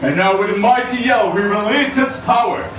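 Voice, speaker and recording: A man's voice: high-pitched, a little fast, very noisy, close to an everyday voice. A man playing a mighty, boastful Norse thunder god in a live children's show, with grand, archaic, commanding speech. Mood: rousing. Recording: echoey venue from far off, loud music.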